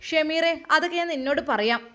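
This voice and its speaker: A woman playing a loud, scolding Malappuram mother-in-law. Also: high-pitched, fairly quick. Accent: Malappuram Malayalam. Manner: loud, nagging and taunting. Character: scolding older mother-in-law, stern and domineering. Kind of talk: amateur story drama reading.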